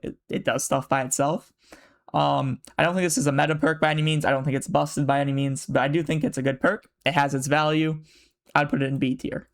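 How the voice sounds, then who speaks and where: A young man streaming from his bedroom, chatting casually and quickly, rambling with lots of fillers and swearing. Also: a little high, level tone, vocal fry. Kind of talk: casual live-stream chat.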